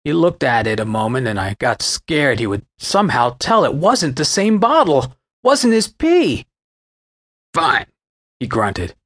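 Lively man narrating his own memoir. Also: medium pitch, moderate pace, hardly any pauses. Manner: storytelling, wry and animated.

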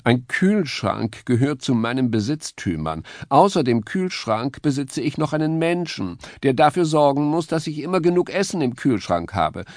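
A man's voice: medium pitch, big pitch swings, normal speed, hardly any pauses, darkish tone, dry recording, clean studio sound, voice pushed up, close to an everyday voice. A man voicing a haughty, greedy house cat in a children's audiobook, speaking with arrogant drawl.

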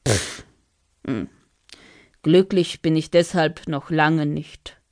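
Woman performing a fat, bored male treasure dragon in a children's storybook, slow and sulky. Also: deep voice, expressive, darkish tone, voice pushed down, exaggerated voice. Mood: gloomy complaining. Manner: slow, sulky drawl with sighs. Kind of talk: children's audiobook character voice.

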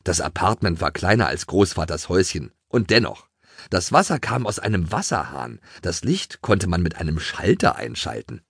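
Husky low male narrator, highly animated children's audiobook delivery. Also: normal speed, no echo, studio quality. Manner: very expressive storytelling. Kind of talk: children's story reading.

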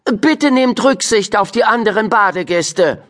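A man's voice: sits high, expressive, measured pace, a bit bright, voice pushed up. A man voicing a strict female schoolteacher in a children's audiobook, speaking in a stern, commanding way. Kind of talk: audiobook character voice.

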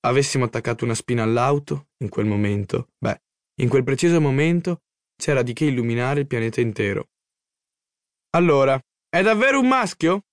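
A man from Italy reads his own memoir aloud, keeping the storytelling lively and expressive. His voice is in the middle range, and a close studio mic gives it a dry, intimate sound with no room around it. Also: medium pitch, brisk, no room sound. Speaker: author and audiobook narrator. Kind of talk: first-person audiobook narration.

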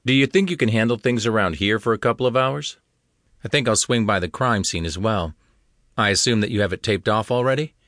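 A steady, composed police captain, voiced by a male narrator gives orders in a calm, low voice. He sounds firmly in charge and unhurried. The recording is close and dry. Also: dry recording.

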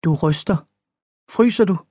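A woman voicing a restrained young male warrior in an audiobook, speaking in a quiet, clipped, guarded way. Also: on the low side, breathy edge, no echo, clean studio sound. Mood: brooding.

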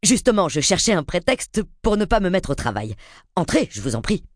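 Audiobook: a woman voicing a polite, fumbling young man, lower than her own voice. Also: big pitch swings, fairly quick, dry recording, clean studio sound. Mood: flustered. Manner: hesitant, stammering.

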